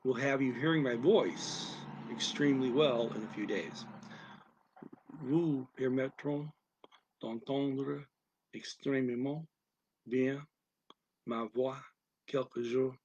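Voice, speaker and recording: A man teaching a language lesson, reading each phrase and then its translation in a deliberate, soft manner that drops near a whisper at times. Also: mid-range voice, fairly even intonation, breathy edge, dull audio. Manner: deliberate, alternates each English phrase with its French version.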